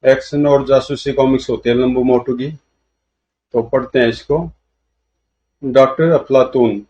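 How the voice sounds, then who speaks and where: A man's voice: medium pitch, fairly even intonation, measured pace, warm tone. A man reading a comic book aloud as narrator. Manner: plain storytelling delivery. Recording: dull lo-fi audio.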